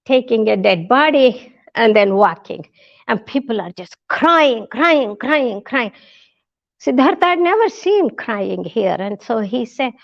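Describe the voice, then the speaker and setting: Woman guest speaker, storytelling lecture, slightly high voice, dull and dry recording. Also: no echo. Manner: halting, many restarts and fillers, acts out quoted lines.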